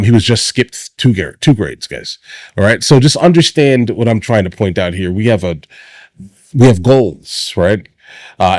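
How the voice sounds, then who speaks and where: A man's voice: mid-range voice, darkish tone, dry recording, clean studio sound. A middle-aged man giving off-the-cuff opinionated commentary as a host, emphatic and repetitive, often tagging his points with short questions. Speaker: host of a reaction show.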